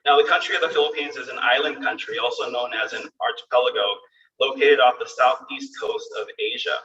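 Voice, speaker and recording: A man's voice: mid-range voice, fairly quick, pushed and bright. A man in his forties from Los Angeles, an attorney giving an earnest, formal town hall talk with fillers and restarts over a video call. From Los Angeles, USA. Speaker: attorney and guest speaker. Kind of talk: community town hall presentation. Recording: echoey, distant, dull video-call audio.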